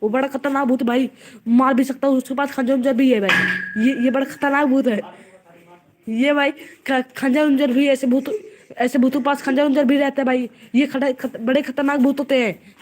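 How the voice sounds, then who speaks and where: A high-pitched woman narrates in an excited, casual way. She keeps repeating urgent warnings, and faint noise sits under her voice outdoors at night. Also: moderate pace. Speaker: vlogger narrating. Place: outdoor home courtyard at night.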